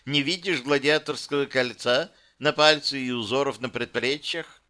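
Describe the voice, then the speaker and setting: A man's voice: mid-range voice, slow, sharp tone. A man doing a mocking, bloodthirsty young woman. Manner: mocking, snappy.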